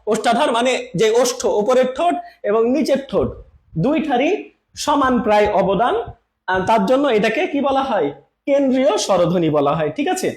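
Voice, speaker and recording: A man teaching an online grammar lesson, who repeats sounds slowly and keeps asking the viewer questions. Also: extremely high pitch. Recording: echoey room.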